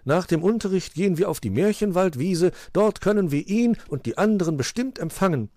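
A man's voice: high voice, expressive, brisk, no room sound, studio quality, pitched above the performer's own voice. A man voicing a kindly old male eagle owl who hoots and praises the little ones. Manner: warm hooting praise.

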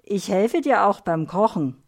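A woman voicing a calm, fair female carer who speaks gently and soothingly in a storybook. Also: medium pitch, unhurried. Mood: gentle.

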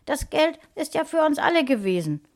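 A woman's voice: sits high, sing-song, moderate pace, voice pushed up. A woman voicing a slight young schoolboy who acts secretive and important, in a raised boyish voice. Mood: eager.

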